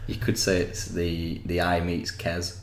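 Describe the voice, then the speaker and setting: Deep-voiced West Yorkshire man. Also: monotone, measured pace. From West Yorkshire, England. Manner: swears freely, laughs often. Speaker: podcast co-host. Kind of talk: casual chat. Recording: echoey room with faint noise.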